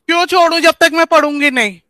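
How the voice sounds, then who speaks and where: A woman's voice: very high-pitched, pushed and bright, no echo. A woman calling into a heated online debate, arguing insistently and defiantly. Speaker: caller in a debate.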